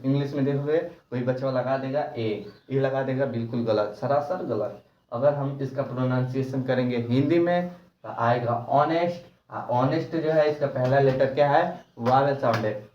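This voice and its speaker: A man teaches a grammar lesson, firing questions at the class and answering them himself. His voice sits at a middle pitch and is picked up from a distance, so it sounds thin and far away. The room is echoey and the recording sounds dull and lo-fi. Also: darkish tone, slight background noise. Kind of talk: classroom lecture.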